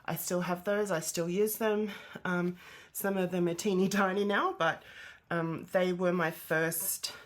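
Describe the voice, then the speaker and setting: A woman's voice: fairly low pitch, steady tone, measured pace. A congested, nasal-sounding woman who is out of breath, chatting casually as host of a hobby channel. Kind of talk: casual vlog chat.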